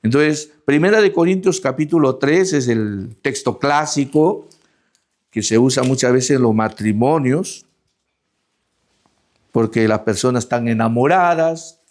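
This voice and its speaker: A middle-aged male pastor preaching a sermon in a conversational way, often tagging questions onto his sentences and slowing down to stress the scripture he reads. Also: mid-range voice, darkish tone. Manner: conversational preaching, constant "¿no?" tags, slowed emphatic scripture reading.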